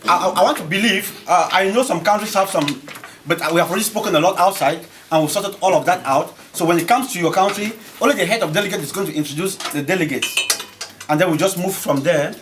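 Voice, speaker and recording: A man with a notably high voice chairs a conference session. He speaks in a measured, polite way, asking each delegation head in turn to introduce their people. A faint hiss sits under the recording. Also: a bit bright. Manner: measured, polite, directing proceedings. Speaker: conference moderator. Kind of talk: formal introductions at a meeting. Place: conference hall.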